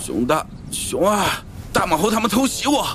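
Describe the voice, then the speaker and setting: A man playing an excitable, bossy yet hapless everyman in an animated cartoon. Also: high voice, normal speed, a little hiss or hum, heavily acted. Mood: indignant. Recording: loud music over the voice.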